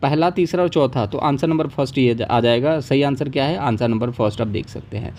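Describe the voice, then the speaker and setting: A man's voice: mid-range voice, fairly quick, darkish tone, slight background noise. A young man teaching an exam-prep lesson in a chatty online style, often checking in with "okay". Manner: chatty, repeats "ठीक है" often.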